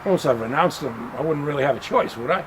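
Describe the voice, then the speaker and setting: A man's voice: on the high side, expressive, fast talker, noisy background, natural voice. A man playing a skeptical dying man. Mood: wary. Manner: skeptical, probing. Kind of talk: short film acting. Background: music.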